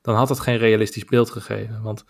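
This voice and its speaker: A man with a Dutch accent co-hosting a podcast, talking in a measured, opinionated way with many filler pauses. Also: on the low side, little pitch movement, gravelly. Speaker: podcast co-host. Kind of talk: casual podcast discussion.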